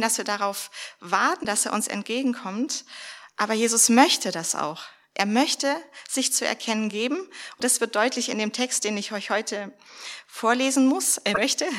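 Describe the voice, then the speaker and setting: A woman's voice: fairly high pitch, fairly bright tone. Earnest German woman preaching. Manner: earnest, addresses the congregation directly. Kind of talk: sermon.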